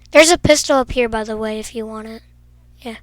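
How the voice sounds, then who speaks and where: A young woman giving playful, goofy gameplay commentary, teasing her teammates and bursting into shouts. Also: a little high, dry recording. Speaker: gaming video creator.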